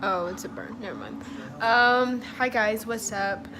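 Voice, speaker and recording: A woman's voice: fairly high pitch, unhurried, noisy background. A young woman talking casually to her phone camera in a vlog, rambling and self-deprecating with lots of fillers. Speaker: vlogger.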